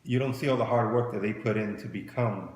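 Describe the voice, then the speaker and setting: A man in his forties co-hosts a marriage advice show, offering casual, conversational guidance and frequently rephrasing what he means. His lowish, slightly mellow voice moves quickly with fairly even intonation. The recording has a roomy echo and faint background noise.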